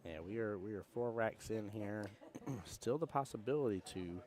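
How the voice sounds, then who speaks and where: Low-voiced man hosting a pool stream. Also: moderate pace, a little mellow. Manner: folksy, friendly address to viewers. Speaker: livestream pool commentator and host. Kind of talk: casual live commentary, chatting with viewers. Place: indoor pool hall. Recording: small fan near the mic.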